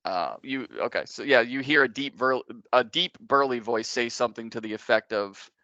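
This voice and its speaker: Male game master, bright forceful voice, casual halting explanations, improvised narration, very dry room. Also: medium pitch, no room sound, dull audio.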